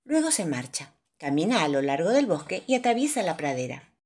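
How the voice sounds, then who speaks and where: A woman reading a children's storybook aloud in a playful, animated way. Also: lowish voice, a little fast. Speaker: storybook narrator.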